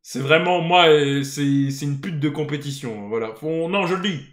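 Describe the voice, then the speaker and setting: A man's voice: on the high side, normal speed, a bit bright, echoey room. A young man reacting to a video in casual, mocking street slang. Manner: slangy banlieue French street talk, mocking. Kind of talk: casual live reaction commentary. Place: indoor room at home, on webcam.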